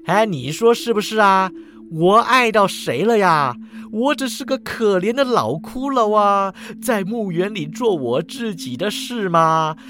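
A man's voice: on the high side, sing-song, unhurried, sharp tone, full character voice. A man voicing a cheeky old male skeleton necromancer who wheedles and argues, in a storybook reading. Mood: whiny. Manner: wheedling, self-pitying, argumentative.

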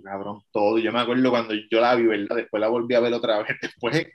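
A man's voice: medium pitch, flat delivery, fast, lo-fi sound. A man co-hosting a podcast, chatting and cursing casually. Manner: profane, chatty recounting. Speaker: podcast co-host. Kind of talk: casual chat.

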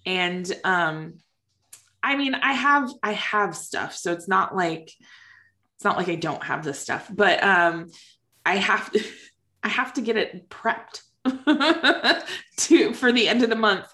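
A woman's voice: mid-range voice, takes it slowly, sharp tone. A woman co-hosting a casual podcast, recorded with a big echo in a large, empty room. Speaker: podcast co-host.

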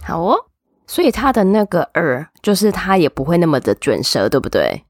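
A woman co-host chatting casually and answering with lively, eager remarks. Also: lowish voice, normal speed, no room sound, clean studio sound. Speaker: podcast co-host. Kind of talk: casual chat.

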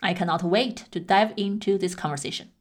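Woman podcast host, mid-pitched, measured and clear, explanatory interviewer. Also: heavy background noise. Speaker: podcast host, clinical psychologist. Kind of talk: scripted podcast intro and interview.

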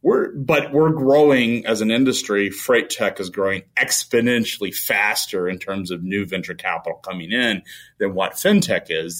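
A man's voice: low voice, fairly bright tone. A man answering interview questions as a company founder, rambling with frequent restarts and fillers.

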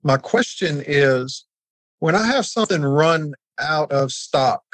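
Man, caller, fairly high voice, dry sound, friendly, straightforward, video call. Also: expressive, slow, fairly bright tone, no room sound. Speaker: caller asking a question. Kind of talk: casual chat on a video call.

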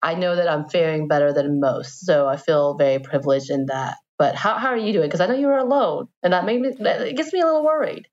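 A woman's voice: low voice, quick pace, few pauses, darkish tone. A woman co-hosting a podcast in casual conversation from her dining room, on a home microphone over an internet call. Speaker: podcast co-host. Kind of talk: casual chat. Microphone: home microphone and headset over an internet call. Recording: slightly dull home internet-call recording.

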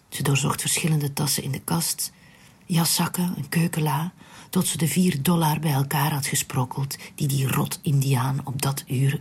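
A narrator reading a literary story aloud in a hushed, unvoiced whisper, in a whispered storytelling style. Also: medium pitch, vocal fry, husky.

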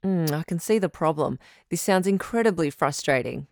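A woman voicing a smooth radio host who runs a call-in advice show in a radio drama, steady and reassuring. Her voice sits fairly low, and she is recorded close and dry with no room sound. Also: moderate pace, no room sound. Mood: calm, advising.

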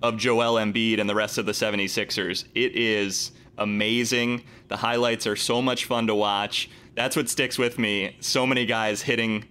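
A man co-hosting basketball talk, giving enthusiastic commentary in measured phrases. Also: fairly low pitch, level tone, bright, forceful tone, clear, resonant tone. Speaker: sports show co-host.

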